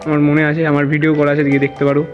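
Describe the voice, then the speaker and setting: A young man with a Kolkata Bengali accent, chatting rapidly as he walks a friend through a museum for his vlog. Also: on the high side, monotone. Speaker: vlogger. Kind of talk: casual walking vlog. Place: museum grounds in Kolkata, walking. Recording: dull lo-fi with music underneath.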